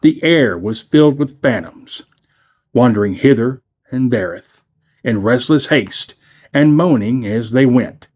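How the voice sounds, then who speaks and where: Brief: adult man, mid-pitched, reads a classic story aloud, measured and dramatic. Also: animated, darkish tone. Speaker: church reader.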